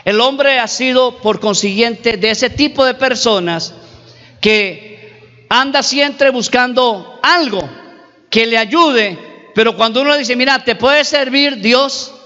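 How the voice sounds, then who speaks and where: A man's voice: very high voice, slow, bright, forceful tone. A man preaching a sermon as pastor, emphatic, repeating and stretching key words. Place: church hall. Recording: reverberant hall, dull lo-fi recording.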